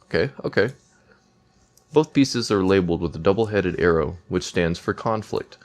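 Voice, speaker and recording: A man's voice: low voice, animated, moderate pace. A man commentating a game playthrough, reading the on-screen dialogue aloud between casual remarks. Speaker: let's play gamer.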